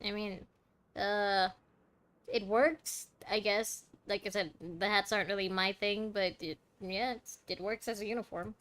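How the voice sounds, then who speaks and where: Here a gaming streamer, a woman, gives relaxed, reactive commentary and informal thoughts on her game. Her voice sits at medium pitch, slightly bright, with fairly even intonation and an unhurried pace, over game music.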